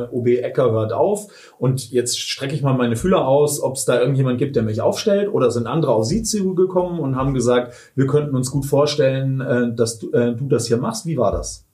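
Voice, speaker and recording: A man's voice: medium pitch, warm tone. Male editor conducting an interview; loose, rambling questions. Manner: rambling questions with many fillers.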